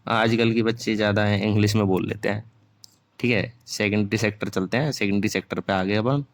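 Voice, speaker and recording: A young man with a somewhat low voice giving a classroom-style lecture and dictating notes. His talk is informal and self-deprecating. He blends Hindi with English and keeps asking whether the class is following. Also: fairly even intonation, fairly quick. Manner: mixes Hindi and English, checks in with "theek hai" after nearly every phrase; informal and self-deprecating, corrects his own slips aloud. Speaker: online teacher.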